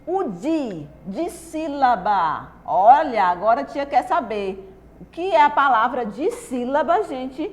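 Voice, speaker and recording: A Brazilian woman teacher giving a slow, patient lesson to young children, asking the class questions and answering them herself. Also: high voice, big pitch swings. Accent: Brazilian Portuguese. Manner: slow, patient, stretched-out explaining. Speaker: primary school teacher.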